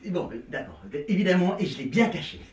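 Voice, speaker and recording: A man's voice: high-pitched, animated, a little fast, far from the mic, crowd noise. An actor playing a naive, anxious man who complains and dreams of a family, in a live stage comedy. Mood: defensive. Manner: fretful, complaining, breaks into singing. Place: theater stage. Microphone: distant room mic. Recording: echoey live stage recording from afar.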